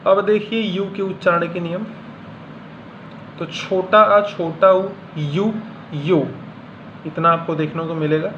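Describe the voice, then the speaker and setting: Slow deliberate teacher, lo-fi. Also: male voice, high-pitched, a bit bright. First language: Hindi. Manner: slow, deliberate, repeats example words one by one. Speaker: English teacher. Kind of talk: classroom lesson explaining pronunciation. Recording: dull lo-fi sound with faint room hum.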